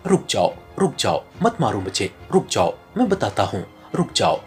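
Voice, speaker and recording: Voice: low-pitched, sing-song, moderate pace, faint music behind, voice pushed down. A narrator voicing a male criminal boss who gives long, earnest explanations in an audiobook. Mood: panicked pleading. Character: ruthless male criminal boss turned informant. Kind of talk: audiobook character reading.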